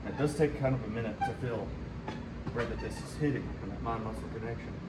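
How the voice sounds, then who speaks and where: A man's voice: mid-range voice, fast talker, distant mic. A man talking like a slangy, laid-back gym bro in a casual workout vlog. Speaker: fitness vlogger demonstrating arm exercises. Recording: noisy gym, loud ventilation-like hum.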